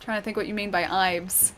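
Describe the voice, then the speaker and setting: A streamer from Western Australia, speaking with an Australian accent, games while chatting with viewers, frequently laughing and responding to messages. Her medium-pitched voice has a fairly bright tone against slight background noise.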